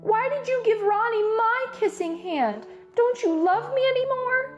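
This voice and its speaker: A woman's voice: very high-pitched, expressive, a little slow, highs cut off, soft background music, voice pushed up. A woman voicing a sad, pouting little boy raccoon who pleads and whines in a storybook read-aloud. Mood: hurt, tearful. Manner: pleading, whiny.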